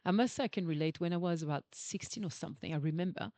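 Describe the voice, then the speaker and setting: A woman's voice: lowish voice, quick pace, dry recording. A woman with a non-native English accent hosting an interview, asking questions and agreeing often. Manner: warm agreeing, many "true" and "yeah" replies. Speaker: podcast host, interviewer.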